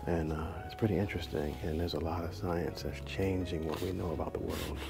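Browsing a large library, a forties-aged travel vlogger gives casual commentary, thinking aloud with fillers. His low, steady voice runs a little fast. Background music sits clearly under his voice, and the audio comes from a handheld or chest-mounted action camera.

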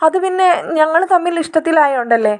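A woman's voice: sits high, lively intonation, a little fast, pitched above the performer's own voice. A woman voicing a frightened teenage girl who begs her older sister for help. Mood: pleading. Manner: begging, pleading.

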